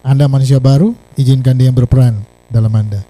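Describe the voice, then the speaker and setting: Mellow-voiced man preaching a sermon. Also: medium pitch, fairly even intonation, fast talker, low-quality recording. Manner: storytelling preacher, repeats phrases, asks the congregation rhetorical questions. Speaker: pastor.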